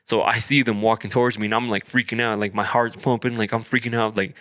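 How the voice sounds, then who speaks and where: Chatty low-voiced man telling a story. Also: fast, no room sound, clean studio sound. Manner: animated storyteller, acts out quotes in a raised voice. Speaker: podcast co-host. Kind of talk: casual storytelling chat.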